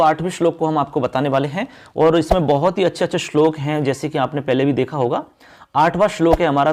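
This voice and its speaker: High-voiced male teacher chanting verses. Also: a little mellow. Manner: addresses viewers as friends and children. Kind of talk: exam-focused lesson.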